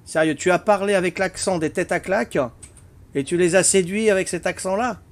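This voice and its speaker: An older man with a Corsican accent chats and teases viewers while playing a game on a live stream. His voice is high-pitched and steady, his pace fairly quick, and he peppers his talk with "hein."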